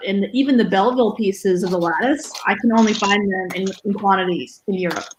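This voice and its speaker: A woman's voice: mid-range voice, reverberant, a little hiss or hum, rough recording. A woman guest chatting on a casual livestream, enthusiastic and rambling as she talks.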